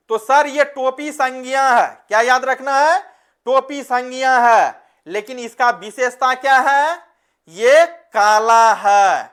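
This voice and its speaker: A man teaching an online class, speaking slowly. He keeps putting questions to his students and then answers them himself, calling them "beta" as he goes. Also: very high voice, sharp tone, clear, resonant tone.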